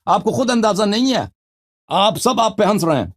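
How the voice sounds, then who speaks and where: A man's voice: high voice, lively intonation. A man hosting a live call-in debate, combative and interrupting, scolding his opponent. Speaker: host.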